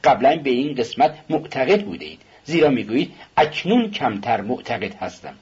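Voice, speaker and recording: Sly, brooding young student, husky and mocking, read by a man; dull lo-fi audiobook sound. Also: mid-range voice, very animated, a little mellow. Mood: taunting. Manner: taunting, mocking. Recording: dull lo-fi recording.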